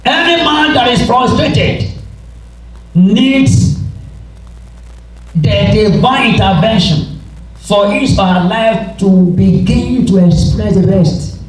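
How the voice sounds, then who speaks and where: Male preacher, high voice, slow emphatic delivery with repeated phrases, heard in a very echoey space. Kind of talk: revival sermon with scripture readings. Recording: roomy, echoing, distant mic, faint noise.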